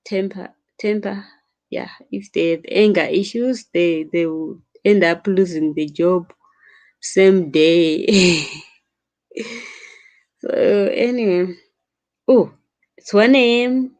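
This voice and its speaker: On a late-night live stream, a young vlogger from Africa reads out viewers' comments in a relaxed, chatty way, addressing them as sister and laughing a lot. She has a mid-range, slightly mellow voice.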